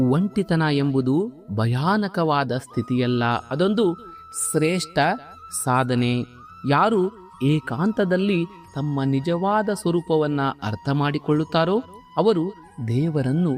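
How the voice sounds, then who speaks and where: Krishna, a man voicing the slow, solemn god. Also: a little high, darkish tone. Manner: slow solemn consoling, lifts stressed words. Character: the god Krishna, calm consoling divine male. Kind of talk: devotional scripted monologue.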